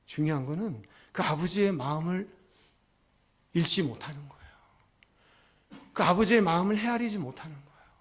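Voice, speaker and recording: A male pastor delivering a sermon with a fairly high voice. He retells a story at length and keeps putting questions to his listeners. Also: lively intonation, normal speed, long pauses, breathy edge. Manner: storytelling, asks the congregation questions.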